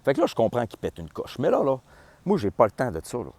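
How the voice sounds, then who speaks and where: A man with a Quebec French accent tells a festival story in an excitable way. He swears and throws in sound effects. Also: medium pitch, fast, vocal fry, no room sound. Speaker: festival logistics director. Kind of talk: animated storytelling vlog.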